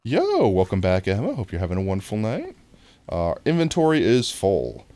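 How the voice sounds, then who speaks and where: Deep and warm, this New York streamer's voice swoops wildly in pitch while he keeps a normal speed. The American gamer jokes and giggles through casual, playful stream chat.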